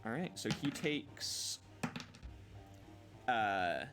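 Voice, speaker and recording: A man's voice: lowish voice, very animated, very slow, music in the background. A man playing a character in a tabletop game, talking casually and hesitantly with fillers and restarts. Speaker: player.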